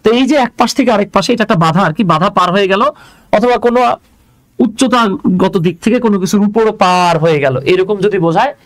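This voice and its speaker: A man's voice: sits high, quick pace. A man teaching English grammar in a chatty live online lesson, joking about himself and reading out viewer comments.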